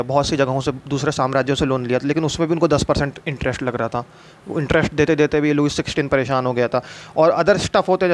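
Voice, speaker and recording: A man explaining a history lesson in a conversational way, asking questions and answering them himself, with English terms mixed in and frequent restarts. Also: on the high side. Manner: conversational, asks and answers his own questions. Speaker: teacher.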